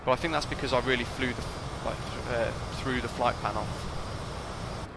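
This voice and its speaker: A man's voice: medium pitch, fairly even intonation, moderate pace, heavy background noise. A man casually talking through a flight sim live stream, thinking aloud and chatting with his viewers.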